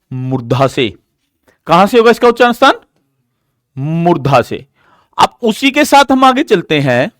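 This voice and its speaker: In a live online grammar lesson, a man explains things step by step, posing questions and answering them himself as a drill. His delivery is slow and deliberate, with an animated pitch. The audio is clean studio sound without echo.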